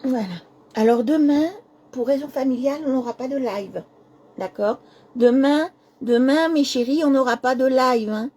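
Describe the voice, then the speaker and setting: A woman hosting a casual live craft stream, hoarse with a cracking voice, speaking softly and apologizing often while repeating herself. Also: sits high, moderate pace.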